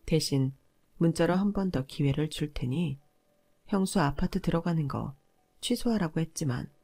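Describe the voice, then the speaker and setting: A woman narrating her own story in the first person, calm and matter-of-fact. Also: low voice, normal speed.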